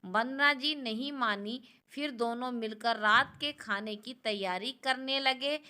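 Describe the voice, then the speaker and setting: A woman storyteller reading a family drama in calm, steady scripted narration. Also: a little high, a little slow, smooth.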